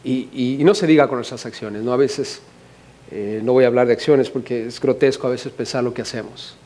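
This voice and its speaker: A man from Mexico with a Mexican accent, a pastor preaching a humorous, animated sermon full of questions to the congregation. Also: medium pitch, fairly quick. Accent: Mexican Spanish.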